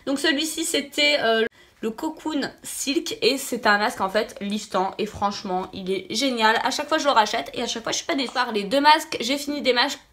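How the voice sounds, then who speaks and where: A woman's voice: a little high, a little fast, fairly bright tone. A woman with a lisp and slushy s sounds, sounding slightly sick, chatting casually and emphatically as she reviews beauty products to viewers. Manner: emphatic, repeats words for stress. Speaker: beauty vlogger.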